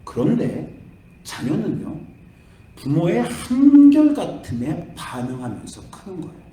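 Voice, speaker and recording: A man's voice: high-pitched, measured pace. A middle-aged man preaching a sermon, telling a family story and acting out the voices of his son and himself. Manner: animated, acts out his son's and his own lines. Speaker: pastor. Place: church sanctuary. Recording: echoey church hall from far off.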